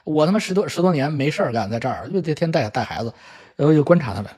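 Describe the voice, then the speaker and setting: Fast, lively, husky-voiced man chatting. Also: on the high side. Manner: animated storytelling with crude swearing and laughter; acts out children's voices in quoted lines. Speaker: livestream host. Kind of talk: casual livestream chat. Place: home in Vancouver.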